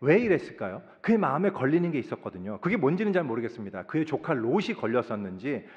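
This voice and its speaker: A man's voice: medium pitch, sing-song, fast, a little mellow. A man preaching a sermon who puts rhetorical questions straight to the congregation and presses his points hard. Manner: emphatic, rhetorical questions, talks directly to the congregation. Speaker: pastor. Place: church sanctuary. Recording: echoey church hall, slightly dull sound.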